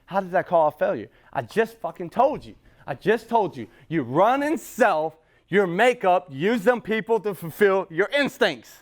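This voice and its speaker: A man's voice: high-pitched, very animated, unhurried. A man giving an unscripted, profane personal share at a recovery meeting. He talks emphatically, repeats and restarts himself, and laughs between points. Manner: rambling with restarts and repetition. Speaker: speaker sharing at a recovery meeting.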